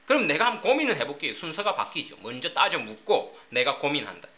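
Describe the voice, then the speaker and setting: 생동감 있게 설교하는 남성 목사. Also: male voice, fairly high pitch, fast. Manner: animated, acts out quoted voices, rhetorical questions. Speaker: pastor. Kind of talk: sermon.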